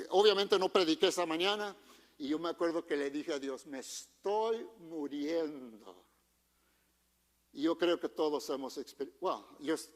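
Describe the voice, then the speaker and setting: A male pastor preaches in a high, light voice. He keeps it conversational, tossing questions to the congregation and mixing in English phrases. His voice rings with long reverb in a church auditorium. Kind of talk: bilingual sermon.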